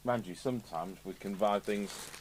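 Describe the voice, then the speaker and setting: Here an English-accented man from the United Kingdom talks at a normal pace in a fairly low register, chatting to himself as he tinkers at an indoor repair bench. It sounds like a radio technician's rambling, casual narration, captured clearly amid background noise and electrical hum.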